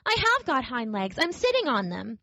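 A woman's voice: high-pitched, huge pitch swings, normal speed, sharp tone, no room sound, studio quality, voice pushed up, full character voice. A woman voicing a small, timid male toy rabbit in a storybook reading, with an earnest, pleading manner. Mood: insistent.

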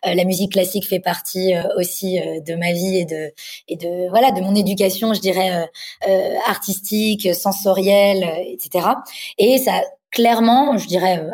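A woman in her thirties from France, a designer speaking as a guest in a relaxed interview, passionate and pausing often on fillers. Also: mid-range voice. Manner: passionate, hesitant with frequent fillers. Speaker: guest, wedding dress designer. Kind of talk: casual interview chat.

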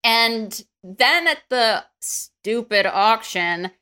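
A woman's voice: a little high, lively intonation, very slow, bright, forceful tone, clear, resonant tone. A woman co-hosting a podcast, chatting casually with wry, sarcastic quips. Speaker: podcast co-host. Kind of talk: casual chat.

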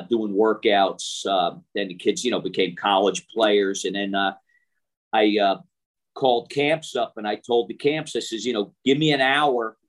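An older man, a coach being interviewed outdoors, tells anecdotes in a casual, halting, conversational way. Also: on the low side. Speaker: shooting coach, interview guest. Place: outdoors, near passing traffic.

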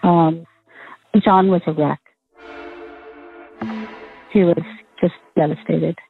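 A mature woman shares personal recollections in a conversational interview style. Her voice sits a little low. The audio is muffled and narrow, with some music underneath. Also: steady tone, takes it slowly, creaky. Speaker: interviewee recalling family events.

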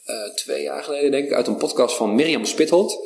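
A man's voice: mid-range voice, brisk, vocal fry. Man telling stories in a roomy space. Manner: animated, rambling storytelling. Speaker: podcast guest, vitality coach. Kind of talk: casual conversation. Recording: roomy sound with faint background noise.

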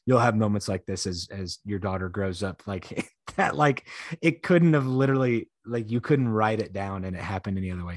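A man's voice: on the low side, no echo, studio quality. An American man hosting a casual sports podcast, his voice partly lost and giving out as he chats informally. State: losing his voice. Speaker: podcast host.

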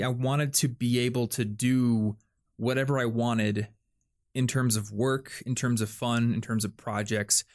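A young man hosting a podcast, talking casually and thinking aloud with lots of fillers and restarts. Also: mid-range voice. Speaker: podcast host. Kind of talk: casual chat.

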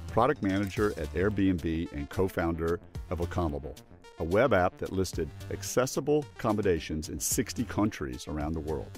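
A man hosting a podcast, reading a scripted introduction of the guest in an even, read-aloud way. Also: deep voice, normal speed, soft background music. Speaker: podcast host.

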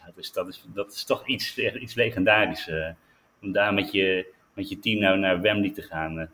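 A low-voiced man co-hosts a casual football podcast, chiming in often with agreement. He talks with enthusiasm, and faint background noise sits under his voice. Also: moderate pace, sharp tone. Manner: enthusiastic, with many agreeing interjections. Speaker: podcast co-host.

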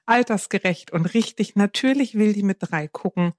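A woman co-hosting a parenting podcast, calmly explaining with everyday examples and acting out what a parent might say. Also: medium pitch, moderate pace, no echo, clean studio sound. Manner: calm, explains with examples, acts out quotes to a child. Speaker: podcast co-host giving parenting advice. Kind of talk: casual advice chat.

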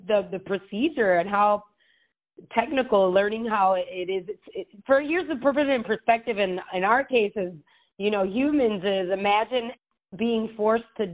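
A woman's voice: mid-range voice, normal speed. Rambling woman on a tinny phone line. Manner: earnest, rambling with many restarts. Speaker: state legislator, interview guest. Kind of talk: casual interview answers. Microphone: phone call.

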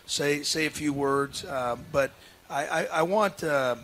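A man's voice: fairly high pitch, takes it slowly, fairly bright tone, a little hiss or hum. A man, a head basketball coach, talking earnestly in a casual radio interview, with many restarts and fillers. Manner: earnest, emotional.

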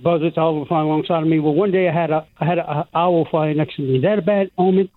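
A man's voice: on the high side, fairly even intonation, fast talker, no echo. A man calling into a radio show over the phone, chatty and rambling, his voice muffled by the line. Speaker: radio call-in caller. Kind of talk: casual chat.

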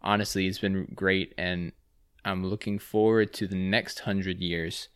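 Young man, from virginia, lowish voice, easygoing, casual podcast chat. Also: little pitch movement, measured pace, clear, resonant tone. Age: 20s. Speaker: podcast co-host.

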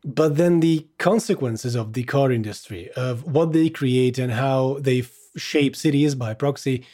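A man from Hungary talking casually as a guest, animated and chatty, with many fillers and restarts. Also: mid-range voice, unhurried. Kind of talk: casual conversation.

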